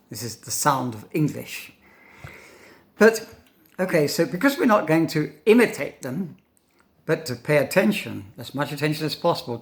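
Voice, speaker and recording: An older man giving an informal English lesson, thinking aloud in pauses and often tagging his points with a questioning "no?". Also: a little high, creaky. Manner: thoughtful, pausing, demonstrates intonation aloud; tags questions with "no?". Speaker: English teacher.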